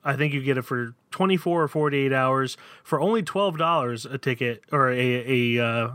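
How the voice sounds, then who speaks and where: A man's voice: medium pitch, normal speed, a bit bright, no room sound. A man co-hosting a podcast, reviewing films in a casual, hesitant way full of fillers. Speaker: podcast co-host. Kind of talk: casual chat.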